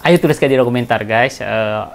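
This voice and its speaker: A man's voice: medium pitch, brisk. A man who speaks Indonesian as a foreign learner, hosting a casual reaction video and often addressing his viewers.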